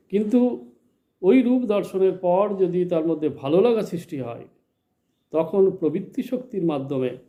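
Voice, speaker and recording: A man teaching a spiritual lesson in a measured, explanatory way, asking questions and then answering them himself. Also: high-pitched, narrow, tinny audio. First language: Bengali. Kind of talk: slow spoken religious lecture.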